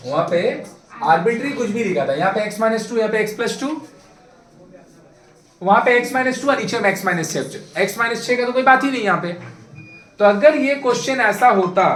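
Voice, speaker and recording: A man's voice: sits high, recorded from a distance. A young man teaching math to a class, coaxing and drilling his students with lots of repetition. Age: young adult. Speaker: tutor. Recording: echoey classroom.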